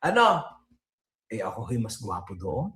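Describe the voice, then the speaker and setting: A man's voice: lowish voice, wildly swooping pitch, unhurried, fairly bright tone, reverberant. A man from San Pablo, Laguna, in the Philippines, talking to his viewers in a boisterous, joking way, laughing often and swearing casually. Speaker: vlogger.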